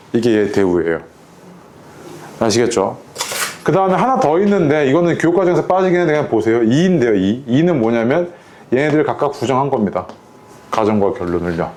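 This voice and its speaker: A man lectures on math in an easy, chatty way, stopping often to ask whether the class is keeping up. His voice sits at an ordinary pitch, and a faint hiss runs under the recording. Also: a little mellow. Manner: casual, keeps checking in with students. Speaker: math teacher. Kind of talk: lecture to students.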